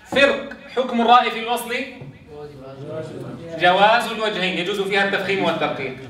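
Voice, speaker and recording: A man's voice: sits high, fast talker, a bit bright. A man, teaching a class on recitation rules and quizzing his students. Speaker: Quran teacher. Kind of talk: classroom lesson on tajweed rules. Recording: echoey classroom, voice from far off.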